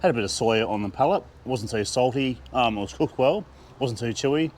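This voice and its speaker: A man's voice: mid-range voice, brisk, slight background noise. A man with an Australian accent, chatting with enthusiasm as he reviews food and laughing often. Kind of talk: casual food review vlog.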